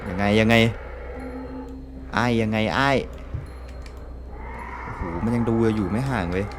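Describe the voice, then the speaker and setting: A man's voice: lowish voice, a little slow, over music. A man from Thailand giving jumpy, exclaiming commentary over a horror game, swearing often. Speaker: gameplay streamer.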